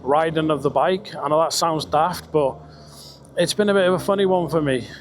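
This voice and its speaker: At a moderate pace, a British vlogger with a slightly high voice rambles and swears casually while riding a motorbike on country roads. A helmet mic gives his voice an enclosed sound, and engine, wind and road noise come through clearly.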